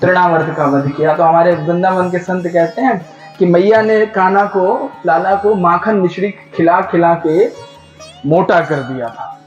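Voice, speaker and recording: A man preaching a devotional sermon, telling a sacred story and urging the audience with animated questions. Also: sits high, a little slow, muffled recording, faint music behind. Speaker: katha preacher.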